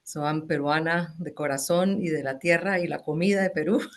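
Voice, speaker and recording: A woman's voice: deep voice, fast talker. A middle-aged woman from Peru introducing herself on a webinar, telling her story with asides. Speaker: webinar panelist.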